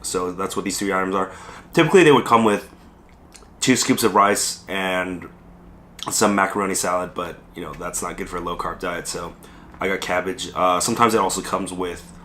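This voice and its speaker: Hoarse, low-voiced man rambling casually. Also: bright, forceful tone, a little hiss or hum. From Southern California. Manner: rambling, many ums and pauses. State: hoarse, recovering from illness. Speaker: food vlogger. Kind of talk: casual rambling mukbang vlog. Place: restaurant dining room.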